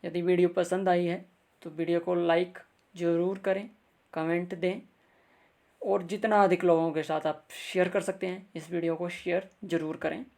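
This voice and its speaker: A man's voice: high-pitched, little pitch movement, moderate pace, vocal fry, a little mellow. A man teaching grammar in a recorded video lesson, reciting word forms carefully and drawn out, and speaking patiently and directly to viewers.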